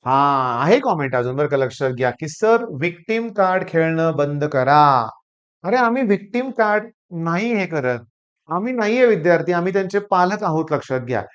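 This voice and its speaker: A man's voice: sits high, lively intonation, brisk, smooth, lo-fi sound. A male teacher from Maharashtra with a Marathi accent, talking emphatically to camera and repeating catchphrases to his students.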